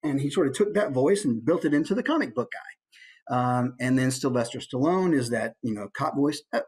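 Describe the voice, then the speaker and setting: An American man from the United States, working as a voice actor, gives an informal, conversational instructional talk and demonstrates as he explains. His voice is medium in pitch, animated, and slightly rough, with a darkish tone, and he speaks at a normal speed.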